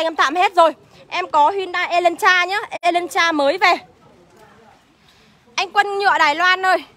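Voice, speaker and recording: A young woman livestreaming from a used car lot, briskly reading out car prices and greeting viewers by name, recorded on a phone as she walks. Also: very high-pitched, bright, forceful tone. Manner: brisk sales patter, reels off prices and addresses viewers as "anh".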